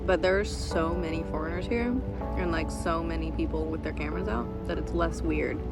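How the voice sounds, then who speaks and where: A woman vlogs to the camera in a casual, rambling travel chat, sounding stuffy and congested and using lots of fillers. Her voice is low-pitched, gravelly and fairly quick, with loud background music behind her.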